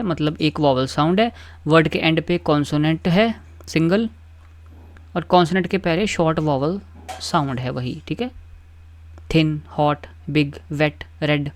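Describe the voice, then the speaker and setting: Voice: mid-range voice, no echo. Patient teacher chanting word lists. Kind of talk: grammar lesson.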